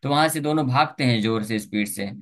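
A man's voice: medium pitch, brisk. A man giving a Hindi scripture lecture, telling a story and acting out its characters' lines with a lifted voice. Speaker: preacher.

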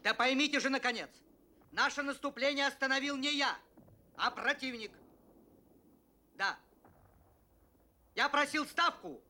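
Firm commander with bright, forceful voice. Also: male voice, very high voice, full character voice. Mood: insistent. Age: middle-aged. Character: firm, fatherly middle-aged front commander. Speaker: front commander. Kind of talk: war film acting.

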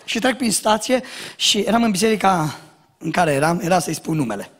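A man preaching a sermon as pastor, telling jokes and acting out shouted lines and dialogue. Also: high-pitched. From Romania. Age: young adult. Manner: animated storytelling, acts out shouts and dialogue, jokes.

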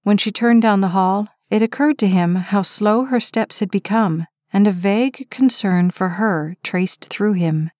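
A woman narrating a romance audiobook in a steady, measured reading on a close mic. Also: mid-range voice, no echo. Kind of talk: scripted narration.

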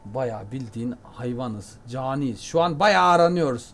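A young man giving chatty, jokey commentary while playing a game, often shouting at it. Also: medium pitch, lively intonation, measured pace. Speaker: gameplay commentator. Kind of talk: casual let's-play commentary.

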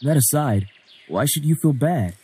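A man's voice: medium pitch, expressive, moderate pace, noisy background, close to an everyday voice. A man in his twenties voicing a joking, playful young husband in an indie game, teasing and wisecracking. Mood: reassuring. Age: 20s.

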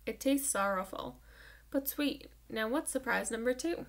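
A woman reading aloud and voicing a gentle, wise old woman with an unhurried drawl. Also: on the high side. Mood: wistful.

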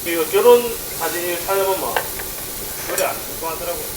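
A man's voice: a little high, brisk, far from the mic, heavy background noise. A man with a Gyeongsang Korean accent tossing questions and banter casually over a meal. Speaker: interviewer. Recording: off-mic, echoey room, very loud sizzling.

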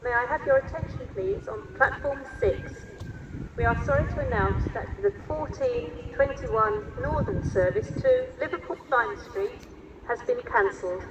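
A woman's automated platform announcement played over a station loudspeaker, with a formal, measured delivery. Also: on the high side, lively intonation. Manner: measured, evenly paced announcing. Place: outdoor railway platform. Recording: muffled loudspeaker over train noise.

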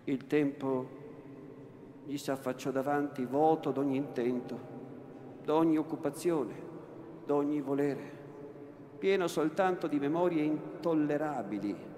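A man, an actor, giving a slow dramatic reading of a classic novel, repeating words for weight, in a large cathedral. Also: fairly high pitch, warm tone. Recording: echoey cathedral, long reverb, faint room noise.

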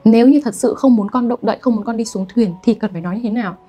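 Mellow-voiced woman teaching literature. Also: a little high, very fast, husky. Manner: lively, asks students rhetorical questions. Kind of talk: online literature lesson.

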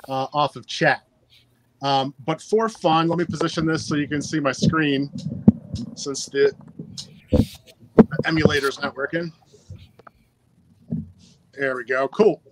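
A man's voice: fairly high pitch, steady tone, a little slow, long pauses, background noise. A man hosting a live stream giveaway in a casual, chatty and upbeat way, talking into a phone. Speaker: livestream giveaway host.

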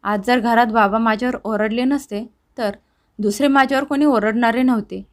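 A man's voice: very high-pitched, fairly even intonation, normal speed. A woman narrator voicing a remorseful grown son who talks earnestly and tearfully to his family. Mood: pleading.

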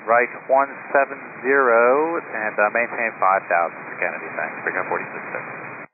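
A man speaking as an airline pilot over a cockpit headset radio, calm and clipped, with hesitant fillers. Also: mid-range voice, a little fast. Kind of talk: air traffic radio exchange. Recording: tinny radio transmission with faint hiss.

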